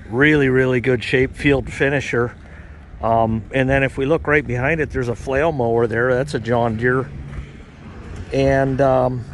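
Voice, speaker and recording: A man strolls an outdoor auction lot, chatting loosely about each machine with plenty of ums and asides. His voice sits in a middling register, and a little wind hiss from outdoors comes through the camera mic. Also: mid-range voice. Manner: relaxed, rambling, uses fillers. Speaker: farm equipment vlogger. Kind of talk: casual walk-around commentary.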